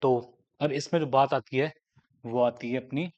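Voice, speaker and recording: A man giving a math lecture, explaining step by step and slowing down to dictate definitions. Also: medium pitch, fairly even intonation, darkish tone, lo-fi sound. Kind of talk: classroom lecture.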